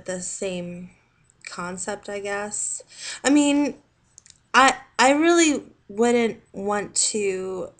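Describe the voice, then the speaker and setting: A woman with a Southern American accent, talking casually in a video response, with many pauses and restarts. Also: medium pitch, fairly bright tone. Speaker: video blogger.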